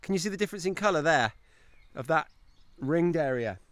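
Brisk and animated, with a slightly high, fairly bright voice, a homesteading channel host in his thirties gives mushroom foraging tips while walking a grassy paddock. He's chatty and enthusiastic, pointing things out to a phone held at arm's length.

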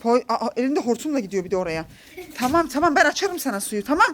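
High, lively mother scolding and coaxing. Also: fast talker, slight background noise. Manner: coaxing and scolding, laughing often. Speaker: mother filming her children. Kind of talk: casual family vlog. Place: outdoor garden.

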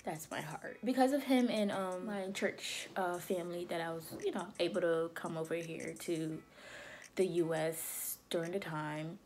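A woman's voice: on the low side, measured pace, a little mellow, slight background noise. A woman from Liberia talking casually to camera as a beauty vlogger, chatty and loose with frequent "um" and "you know".

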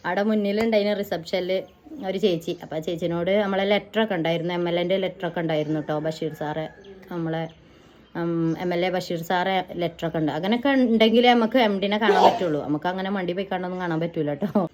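Fast-talking chatty Malayali woman vlogger. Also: lowish voice, darkish tone, slight background noise. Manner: chatty, rambling, often ends with "kettō". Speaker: family vlogger. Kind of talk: casual storytelling to viewers.

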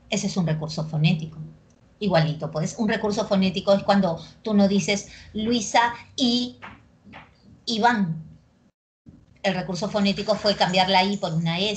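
A young woman with a Peruvian accent lectures a class at an ordinary pitch for a woman. She sounds lively and keeps tossing quick tag questions at her students to check that they are following. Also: a little hiss or hum. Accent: Peruvian Spanish. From Peru. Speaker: pre-university language teacher.

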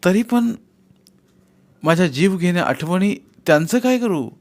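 A man's voice: high-pitched, animated, unhurried, a little mellow, pitched above the performer's own voice. A man voicing a wary, educated younger man who answers his friend's offers with surprise and doubt in a read-aloud novel. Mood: wary, doubtful.

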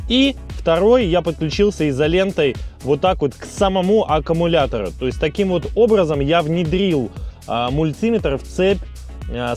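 Guy in his 30s w a burry r, bit higher voice, doing a diy car vlog explainer, light music in back. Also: darkish tone. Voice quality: burry, non-standard r sound. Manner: addresses viewers as friends, step-by-step explaining. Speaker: car repair vlogger. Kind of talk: explanatory how-to vlog to camera. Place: outdoors in a residential yard beside a car.

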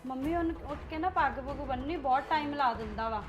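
A woman's voice: high voice, fast talker, close to an everyday voice. A woman acting a middle-aged mother who placates her mother-in-law in a family drama. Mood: placating. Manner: pleading, placating.

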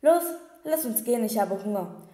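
A woman's voice: a little high, animated, normal speed, dark tone, lightly acted. Woman reading as a plucky, wry teenage girl. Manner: wry, blunt. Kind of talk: audiobook reading. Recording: echoey room with long reverb.

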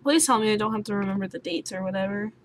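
A young woman playing a puzzle game and thinking out loud, swearing often and sounding sleepy. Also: medium pitch, expressive, rapid-fire. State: sleepy, just woke up. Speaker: gaming YouTuber. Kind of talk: let's play commentary. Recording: noisy home recording with keyboard sounds.

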